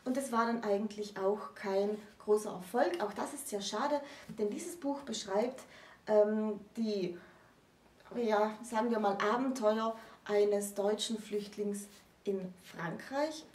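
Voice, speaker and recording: This woman in her thirties takes her time, her mid-range voice a little mellow, as she explains literature while co-hosting a to-camera discussion. Bookshelves fill the indoor room, and the recording has the roomy echo of a distant microphone.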